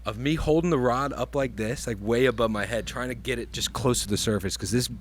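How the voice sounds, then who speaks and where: A man's voice: medium pitch, brisk. Young male podcast co-host, casual storyteller, swears freely, a faint hum of ambience behind him. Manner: excited, profane storytelling with shouted quotes.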